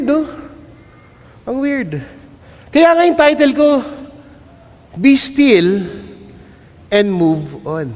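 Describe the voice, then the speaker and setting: A male pastor preaches a sermon in a high, bright voice that swoops up and down with energy. He keeps it playful and pulls the congregation in, speaking slowly. His words ring with the long reverb of a big hall. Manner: playful, animated, drawing in the congregation.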